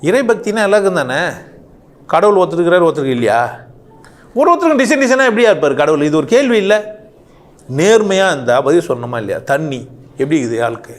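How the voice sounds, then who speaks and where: A man's voice: fairly high pitch, quick pace, pauses often. A man delivering an impassioned monologue, firing off rhetorical questions and swinging his voice up and down sharply. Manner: animated, rhetorical questions, rising and falling sharply. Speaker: speaker.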